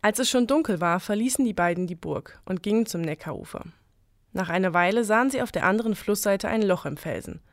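A woman narrating a medieval legend in calm, scripted storytelling. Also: medium pitch, brisk, no echo, clean studio sound.

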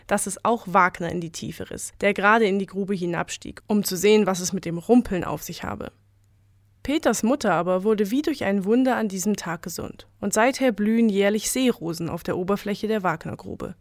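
A woman calmly narrating a folk tale as a scripted story. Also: medium pitch, no room sound, studio quality.

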